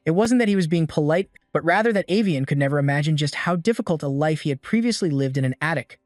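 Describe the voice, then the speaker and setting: A man reading a scripted story recap in a steady, even storytelling manner. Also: a little high, quick pace, dry recording. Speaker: recap narrator. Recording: dry voice-over with soft music.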